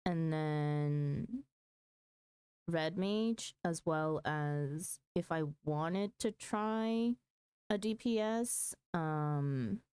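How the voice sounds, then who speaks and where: A woman with a deep, darkish, clean voice chats casually on her gaming livestream, recorded dry. She draws out her words and thinks aloud hesitantly, mulling over her choices.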